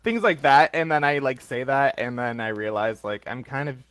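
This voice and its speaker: A man's voice: medium pitch, moderate pace, a bit bright, clean tone, dry recording. A man from the United States chatting casually as a guest, talking freely with lots of fillers and restarts. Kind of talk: casual conversation.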